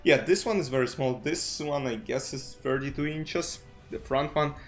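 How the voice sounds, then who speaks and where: At a moderate pace and medium pitch, with soft music underneath, this Russian-native chess streamer gives casual commentary for his vlog. His talk wanders, filled with "you know" and restarts. The setting is his home streaming desk with a desk streaming mic and webcam.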